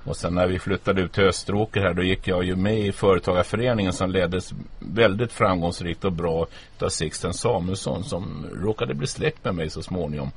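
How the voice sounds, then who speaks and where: Older man with a very low voice. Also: hardly any pauses, slight background noise. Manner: chatty storyteller who acts out quotes. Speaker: guest, former municipal politician. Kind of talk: casual anecdotal storytelling.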